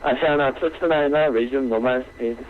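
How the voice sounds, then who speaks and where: A man working as an air traffic controller on an online flight simulation network relays clipped, procedural instructions over the radio at a fairly quick pace in a medium-pitched voice. The radio sound is muffled and lo-fi, with faint noise underneath.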